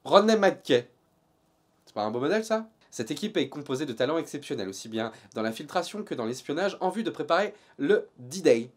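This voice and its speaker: A man with a rather high voice talks through a casual video review of TV series. His pitch swings widely, and his sarcastic jokes sit beside earnest critique. The delivery stays animated throughout. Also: fast, hardly any pauses, a little hiss or hum.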